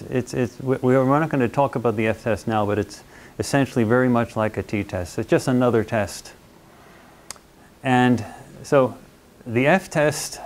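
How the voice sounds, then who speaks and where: A man's voice: medium pitch, darkish tone. A man giving a university lecture in a conversational, playful way, often checking in with his students. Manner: playful, acts out little quoted voices. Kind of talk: classroom statistics lecture.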